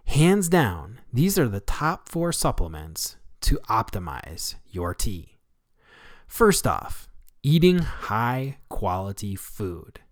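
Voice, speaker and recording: A man's voice: medium pitch, dry recording, studio quality. An American man hosting a scripted solo health talk show, with an emphatic, instructive delivery. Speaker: radio show host.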